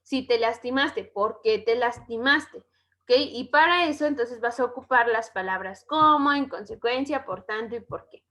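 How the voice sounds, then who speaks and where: This woman's voice sits fairly high with a slightly bright quality. She walks schoolchildren through grammar at a slow pace in a Mexican Spanish accent, often pausing to ask "¿ok?".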